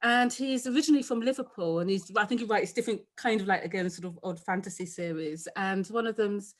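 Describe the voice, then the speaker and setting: A woman's voice: medium pitch, quick pace. Chatty woman with a London accent. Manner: chatty, laughs often, trails off mid-sentence. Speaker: author guest. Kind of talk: casual interview chat.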